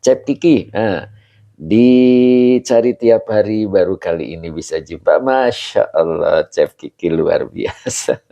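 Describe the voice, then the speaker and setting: A man's voice: deep voice, lively intonation, unhurried, gravelly, dark tone, dull audio. A man with an Indonesian accent, a religious teacher casually greeting viewers of his live stream and reading their comments aloud with frequent chuckles.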